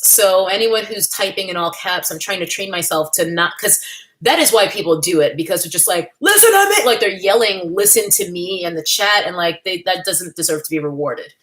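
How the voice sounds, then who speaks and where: A young adult woman with a mid-range, fairly bright voice runs a casual livestream from home. Chatty and candid, she reads the chat to her viewers, laughs often and slips in playful asides.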